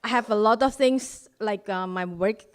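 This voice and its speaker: At a moderate pace and medium pitch, the Indonesian stand-up in her forties shares stories that mock herself, laughing at her own material before a live audience. Her accent is Indonesian, touched with Australian.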